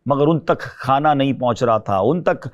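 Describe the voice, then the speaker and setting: A man giving an emotional religious storytelling sermon. He speaks straight to his listeners and recites verse slowly and with feeling. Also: mid-range voice, highs cut off. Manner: impassioned, addresses listeners directly. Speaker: Islamic preacher.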